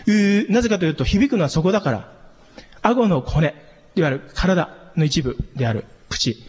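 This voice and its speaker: Sex: man. Pitch: high. Role: worship vocal coach. Style: voice and diction lesson. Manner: patient, sings vowel demonstrations. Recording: long hall reverb. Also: big pitch swings, moderate pace, a little mellow, slightly rough, dull audio.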